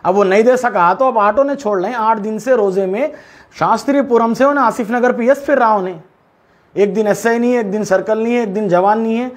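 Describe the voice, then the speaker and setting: Speaking for the driver, a local spokesman with a very high voice and a Hyderabadi Urdu accent complains to the press at a fairly quick clip. He sounds indignant, firing off rhetorical questions and addressing officials directly.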